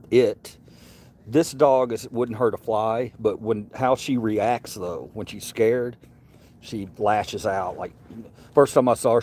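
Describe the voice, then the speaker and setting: There's a little hiss or hum behind this fairly low, slightly mellow male voice. He's a Gen X livestream host from Mississippi, talking casually in a Southern drawl, wandering off track and repeating himself.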